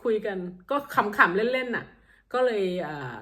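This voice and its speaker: A woman's voice: medium pitch, animated, moderate pace, pushed and bright. Chatty Thai woman vlogger. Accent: Northeastern Thai (Isan). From Thailand. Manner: chatty, acts out quoted voices, laughs a lot. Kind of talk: casual storytelling to camera.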